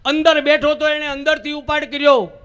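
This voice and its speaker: A man telling jokes on stage, a lively storyteller who now and then breaks into drawn-out singing. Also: very high-pitched. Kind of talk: live Gujarati folk comedy storytelling.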